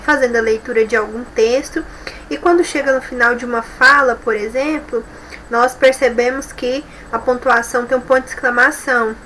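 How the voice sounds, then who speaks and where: Brazilian lady teacher explaining a lesson, keeps saying né, bright kinda high voice. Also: slight background noise, poor audio. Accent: Brazilian Portuguese. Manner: explains slowly with frequent "né?" tags. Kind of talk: recorded class lesson, reading from textbook.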